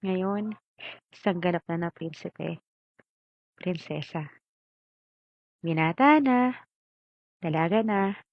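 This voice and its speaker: A woman's voice: lowish voice, animated, measured pace, pauses often, no room sound, dull audio. A middle-aged woman speaking as a mother to her grown child, reading a heartfelt spoken letter in a tender, pleading way with many rhetorical questions.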